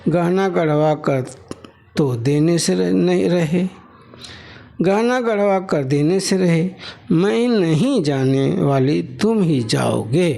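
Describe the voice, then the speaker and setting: A man's voice: a little high, expressive, slow pace, vocal fry, dark tone, exaggerated voice. A man reading a novel aloud, voicing a proud young village wife who complains sharply and sulks. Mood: sulky.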